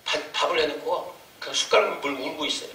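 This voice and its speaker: A man's voice: a little high, quick pace, sharp tone, recorded from a distance, slight background noise. Emotional man preaching in an echoey church. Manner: emotional storytelling, acting out his own prayers and cries. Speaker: missionary preacher. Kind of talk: sermon testimony. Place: church sanctuary.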